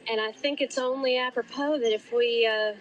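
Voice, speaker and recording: A woman's voice: a little high, steady tone, normal speed, low-quality recording. Chatty woman vlogging outdoors. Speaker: park vlogger. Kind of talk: casual on-location vlog talk. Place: outdoors at a theme park.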